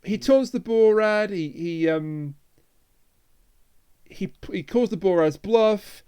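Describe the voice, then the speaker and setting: An eager podcast co-host talks through story details in casual conversation. The voice sits in a middle pitch and stays conversational. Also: slow pace, dark tone, smooth. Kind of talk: casual chat.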